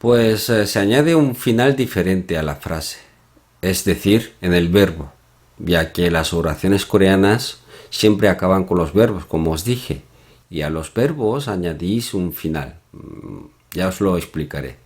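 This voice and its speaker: A man teaching a Korean lesson from slides, explaining slowly with pauses and soft hums. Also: sits low, lively intonation. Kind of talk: slide-based language lesson.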